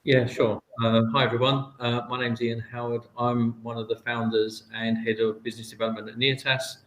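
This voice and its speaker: A man's voice: medium pitch, little pitch movement, moderate pace, fairly bright tone, roomy sound, rough recording. A man introducing himself as a company founder on a webinar panel, in a plain, businesslike way.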